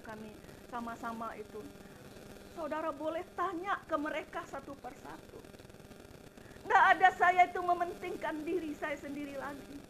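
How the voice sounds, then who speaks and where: A middle-aged woman preaching an impassioned sermon, swinging between loud emphasis and quiet asides, addressing her congregation directly. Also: high voice, noisy background. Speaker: evangelist preacher.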